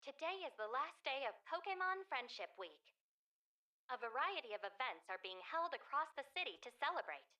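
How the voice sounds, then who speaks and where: A woman's voice: high-pitched, very animated, normal speed, bright, forceful tone, heavily acted. A woman playing a polished, upbeat TV news reporter in a video game.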